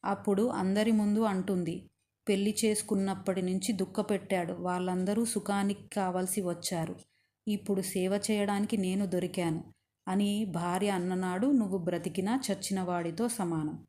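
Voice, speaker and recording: Give me a stern captive queen lecturing a king, read by a woman storyteller, warm and mellow. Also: mid-range voice, fairly even intonation, normal speed, lightly acted. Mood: stern reproach. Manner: scolding, lecturing.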